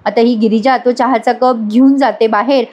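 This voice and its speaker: A woman's voice: a little high, steady tone, moderate pace, darkish tone. A woman giving a chatty voice-over recap of a TV serial, talking straight to the viewers. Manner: chatty, addresses viewers directly. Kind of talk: casual episode recap narration.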